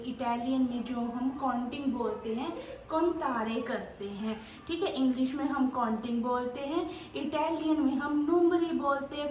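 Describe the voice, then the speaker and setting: Slow, high-voiced woman teaching a language. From India. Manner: patient, drills words and asks questions. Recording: echoey room with faint hum.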